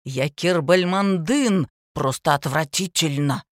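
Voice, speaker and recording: A man's voice: high voice, very animated, normal speed, fairly bright tone, no room sound, studio quality, exaggerated voice. A reader voicing a pompous, angry male history teacher who rants with indignation. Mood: indignant. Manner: indignant, ranting.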